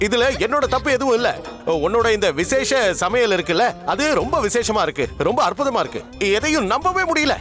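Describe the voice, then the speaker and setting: A man's voice: very high voice, very animated, brisk, a bit bright, soft background music, exaggerated voice. An actor playing a good-humoured king who stammers and laughs while blindfolded, in a TV serial. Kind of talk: TV serial acting.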